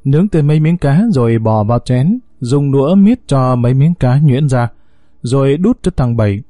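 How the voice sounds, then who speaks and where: Male storyteller, steady unhurried narration, mellow dark tone, dry close sound. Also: medium pitch, no echo.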